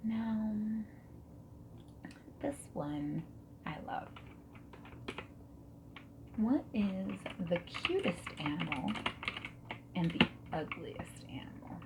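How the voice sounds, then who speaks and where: A woman with a lowish voice plays a friendly interviewer in an ASMR roleplay, posing soft, reassuring questions in a breathy tone that frequently becomes a whisper. She talks extremely slowly with long pauses. There's steady noise along with mechanical keyboard typing and clicks.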